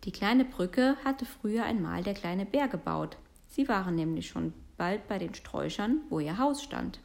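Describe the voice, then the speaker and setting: A woman reading a children's story aloud in an expressive, sing-song storytelling manner. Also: mid-range voice, normal speed, creaky. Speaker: storybook reader.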